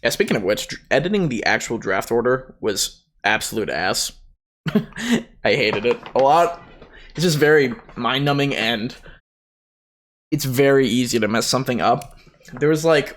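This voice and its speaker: A man's voice: medium pitch, expressive, moderate pace, a bit bright. A man giving casual, rambling commentary on a video game, informal and sweary. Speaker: gaming commentator.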